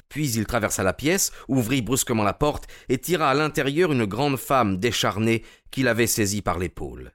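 Measured male narrator, dry close sound. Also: fairly low pitch, a bit bright, no room sound. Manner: measured, storytelling. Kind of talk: scripted narration.

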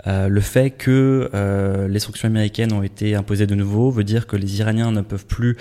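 A Frenchman with a lowish, dark, mellow voice explains things in an interview. He hesitates often and fills his pauses with ums. His answers run long and unhurried. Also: steady tone. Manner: hesitant, many "euh" fillers.

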